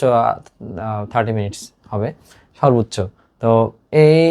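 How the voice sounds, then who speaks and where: A man's voice: medium pitch, dark tone. A male teacher gives an online exam-prep lesson to his students. He explains step by step and mixes English words into his speech.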